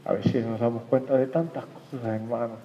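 In a dark-toned, mid-range voice at normal speed and with fairly even intonation, a preacher delivers a sermon, turning often to his congregation with questions and calling them brother ("hermano"). The recording is lo-fi with long hall reverb.

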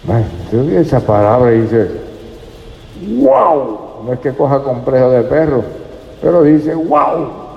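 Gravelly-voiced preacher in an echoey hall. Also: male voice, medium pitch, normal speed, highs cut off. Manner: earnest, addresses listeners as brother. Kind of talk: sermon. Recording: echoey hall with faint ambience.

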